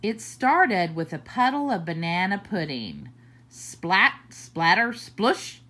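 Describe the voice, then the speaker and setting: A medium-pitched woman's voice reads a children's picture book aloud during story time, unhurried and deliberate, with expressive swoops.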